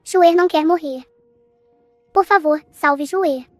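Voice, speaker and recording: Casting: filha frágil e suplicante, voz bem alta, sotaque brasileiro, drama dublado. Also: female voice, high-pitched, slow pace, no echo, faint music behind. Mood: pleading. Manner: pleading, speaks of herself by name. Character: gravely ill young daughter, sweet, frail. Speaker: dubbing actress.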